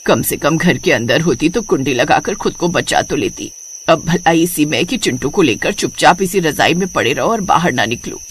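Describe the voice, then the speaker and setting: Brief: man playing a scared woman, hushed, lower and soft. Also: lively intonation, moderate pace, slight background noise, lightly acted. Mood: fearful. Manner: hushed and worried. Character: scared woman hiding under a quilt.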